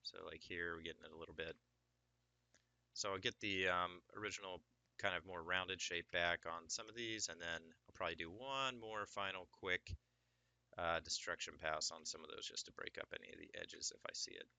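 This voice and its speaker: A man giving a relaxed, explanatory software sculpting tutorial with plenty of fillers, recorded at a desk microphone. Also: sits low, normal speed, vocal fry, no echo. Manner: casual, explanatory, many fillers. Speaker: 3D sculpting instructor.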